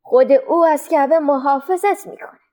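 A woman voicing a dignified old man elder who speaks calmly and steadily in a storybook. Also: high voice, pitched above the performer's own voice, lightly acted. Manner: calm, steady, faithful.

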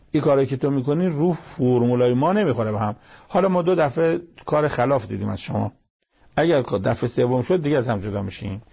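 A Quran interpreter gives a commentary lesson, explaining the text verse by verse in a plain, conversational style and retelling its stories as dialogue. His medium-pitched voice is a little mellow, with vocal fry and a breathy edge.

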